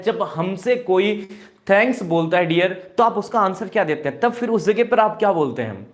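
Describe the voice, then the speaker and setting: A man teaching English in Hindi during a live online class, who keeps calling viewers "dear" and repeats each point. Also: high voice. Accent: Indian. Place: classroom with a board.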